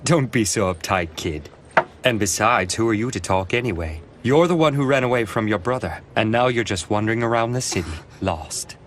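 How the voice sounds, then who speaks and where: A man's voice: lowish voice, lively intonation, normal speed, a little hiss or hum. A man voicing a cocky, laid-back vampire mentor in an English anime dub. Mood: teasing. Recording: loud music behind the voice.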